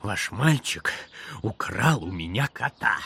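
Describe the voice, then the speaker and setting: A man's voice: lowish voice, expressive, vocal fry, sharp tone, a little hiss or hum, heavily acted. A man voicing a grumpy, sneering middle-aged head teacher who drawls mockingly. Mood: grumbling. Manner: mocking, drawn-out.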